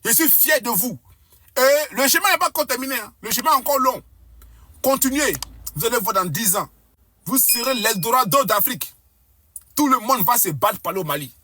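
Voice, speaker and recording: A woman's voice: on the high side, lively intonation, normal speed, long pauses, sharp tone, a little hiss or hum. A woman giving fervent, boastful commentary to viewers, piling up exaggerated claims. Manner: emphatic, boastful, hyperbolic.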